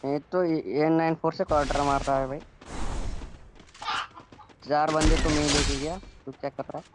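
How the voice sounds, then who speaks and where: Brisk young man on squad voice chat. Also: a little high, steady tone, very noisy. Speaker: teammate on voice chat. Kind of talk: casual game voice chat.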